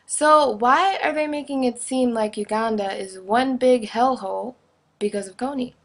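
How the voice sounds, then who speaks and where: A woman's voice: a little high, moderate pace. A young woman talks casually into her camera, sharing a strong opinion in a chatty, emphatic way, with lots of fillers. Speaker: vlogger.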